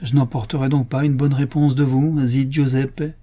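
A devoted young Corsican lover, as a man voices him in an audiobook tale. He speaks earnestly and pleadingly, with a proud streak. The tone is mellow and slightly husky. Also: medium pitch, flat delivery, moderate pace, voice pushed up, lightly acted. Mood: hesitant.

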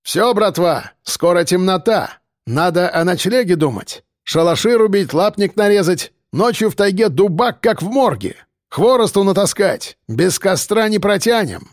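A man's voice: a little high, expressive, a little slow, no room sound. Brutal male convict ringleader voiced by a man, coarse and domineering; dry audiobook read. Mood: commanding. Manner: coarse, barking slang threats.

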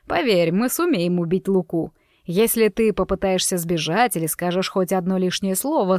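Woman reader doing a menacing mobster groom for an audiobook, mocking and threatening, middle pitch, dry close sound. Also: darkish tone, no room sound, lightly acted. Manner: taunting, sinister.

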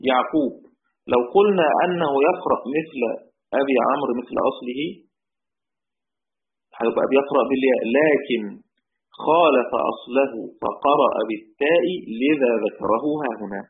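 A man with an Egyptian accent teaches Quran readings in a steady mid-range voice. He slowly chants quoted lines and repeats key words for his students. The sound is thin and phone-like. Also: mid-range voice. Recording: tinny phone-like recording.

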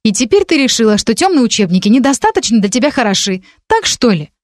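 A woman voicing Vika, an indignant, bossy teenage witch girl who scolds in a high, shrill voice. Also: sing-song, quick pace, no echo, clean studio sound. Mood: scolding. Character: sharp-tongued young witch girl, purple-haired, bossy.

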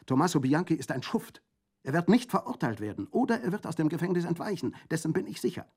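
A man's voice: lowish voice, a little fast, gravelly, mellow. A man reading aloud and voicing a passionate young Corsican woman who pleads and rages with fierce intensity. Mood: vehement. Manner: vehement, imploring. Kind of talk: audiobook reading.

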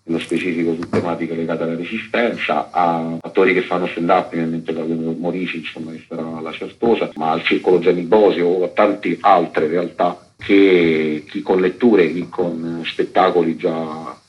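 Rambling and improvising on radio, this actor-author speaks in a low voice with little pitch movement, at a normal pace with few pauses. The recording has its highs cut off.

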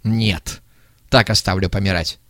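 A man voicing a brisk, insistent male sanitary inspector in a storybook reading. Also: on the low side, fairly even intonation, fairly bright tone, no echo, studio quality.

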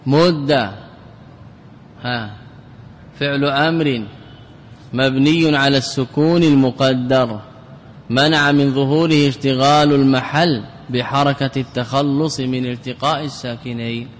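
A man's voice: medium pitch, steady tone, measured pace, long pauses. A man, a sheikh teaching Arabic grammar, lecturing in class, repeating examples aloud and quizzing his students. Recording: reverberant hall recording, faint noise.

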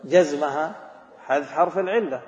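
A grammar teacher with a somewhat high, slightly mellow male voice lectures on a grammar text at normal speed, firing questions at students, repeating examples, and mixing formal Arabic with colloquial speech. His voice rings through a large, echoing hall with a long reverb tail, and the recording is dull and lo-fi.

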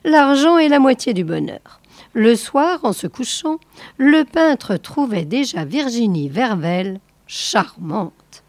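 A woman reading a classic novel aloud in a measured literary style, sometimes softly breathy. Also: on the high side, very animated, dry recording. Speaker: audiobook reader.

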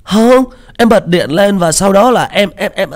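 A cute chubby goofball, high squeaky voice, kinda dumb and loud. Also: male voice, lively intonation, unhurried. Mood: naive. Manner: high, loud, childish and clumsy. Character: chubby, cute, naive young man.

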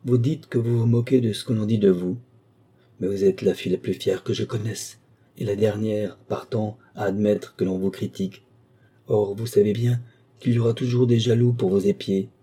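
A man reading the part of an aging village lawyer who talks slowly and gently, pausing heavily. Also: lowish voice, fairly even intonation, slightly rough. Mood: grave. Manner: slow, gentle and pleading, with heavy pauses.

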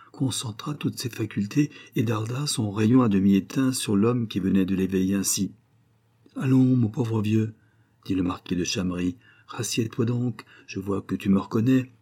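Male audiobook narrator, measured and literary, low husky voice. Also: warm tone. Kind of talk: scripted narration.

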